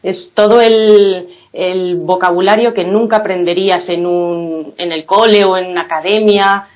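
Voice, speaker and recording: A woman's voice: fairly low pitch, steady tone. A woman from Spain with a Spanish accent, speaking as an interview guest in a thoughtful, hesitant way. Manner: thoughtful, hesitant, many pauses and fillers. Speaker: guest, English academy founder. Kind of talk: casual interview chat.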